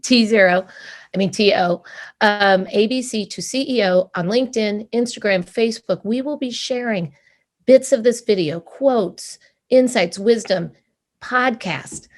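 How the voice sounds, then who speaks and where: A woman's voice: mid-range voice, measured pace. Effusive woman co-hosting a video panel. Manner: enthusiastic, effusive. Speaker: co-host of a panel. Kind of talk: closing remarks on a video call panel. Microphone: video call.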